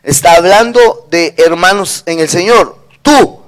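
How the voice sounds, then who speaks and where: Lively high-voiced Guatemalan pastor. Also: male voice, measured pace. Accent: Guatemalan Spanish. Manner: conversational preaching, often checks in with the congregation. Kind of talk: sermon with personal story.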